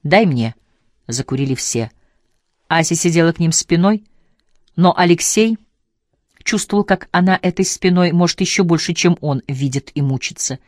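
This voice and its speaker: A woman narrating a literary audiobook with a measured, expressive reading. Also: on the low side, no echo, studio quality.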